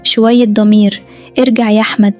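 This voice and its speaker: A woman's voice: fairly high pitch, flat delivery, fairly quick, a little mellow. A woman with an Egyptian Arabic accent narrating a scripted first-person confession story, earnest, sometimes dropping to a whisper. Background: faint background music.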